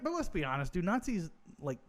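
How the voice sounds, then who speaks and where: A man hosts a light trivia segment, joking and chatting loosely. His voice sits a bit high for a man. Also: sing-song, a little fast, a bit bright. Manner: laughs often, loose and joking. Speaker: co-host of a church online show. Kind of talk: casual chat, hosting trivia.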